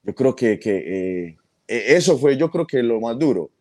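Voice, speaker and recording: A man's voice: medium pitch, animated, normal speed, mellow, no echo. A man with a Colombian paisa accent, chatting as an interview guest, laughing often and repeating words as he talks. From United States. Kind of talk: casual interview chat.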